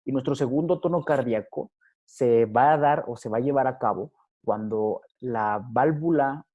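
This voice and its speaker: A man giving a recorded physiology lecture over slides, halting, with many fillers and tag questions. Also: medium pitch, a little mellow, highs cut off.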